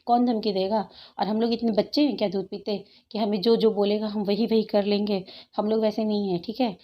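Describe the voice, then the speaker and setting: A woman's voice: mid-range voice, steady tone, fairly quick, dull audio. A woman YouTuber in her thirties, scolding and sarcastic in a heated reaction video, repeating her points for emphasis.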